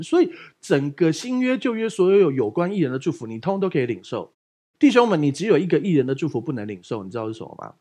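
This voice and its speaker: Animated husky Taiwanese pastor. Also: male voice, on the high side. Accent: Taiwanese Mandarin. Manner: joking, animated, asks listeners rhetorical questions. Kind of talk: casual sermon.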